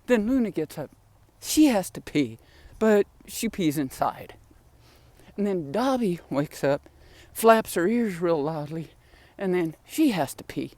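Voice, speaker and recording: A woman's voice: fairly low pitch, expressive, measured pace, warm tone, no room sound. Chatty older woman rambling outdoors. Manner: chatty, laughing, sighing asides. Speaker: vlogger. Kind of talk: rambling personal storytelling. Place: outdoors in wind, walking home with groceries.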